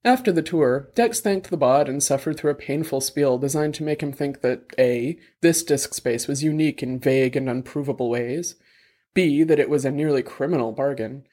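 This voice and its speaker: Male audiobook narrator, wry, steady, slightly high voice.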